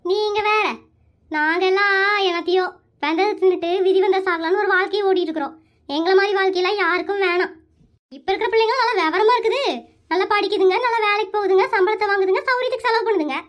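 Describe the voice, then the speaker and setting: Woman doing a tired kongu-accent housewife cartoon, real high squeaky voice, rattles on fast. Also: a bit bright. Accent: Kongu Tamil. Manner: plaintive, complaining. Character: weary put-upon village housewife, middle-aged. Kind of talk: comic cartoon voice acting.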